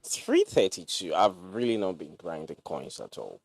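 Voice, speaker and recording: Playing on a livestream, a young Nigerian man offers animated, jokey commentary mixed with pidgin slang. His voice is low-pitched and creaky, moving at a normal speed.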